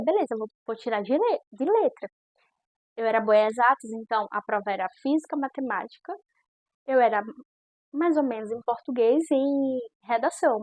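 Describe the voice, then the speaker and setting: A woman's voice: on the high side, darkish tone, no echo, lo-fi sound. A woman, telling her faith testimony in an earnest, chatty way.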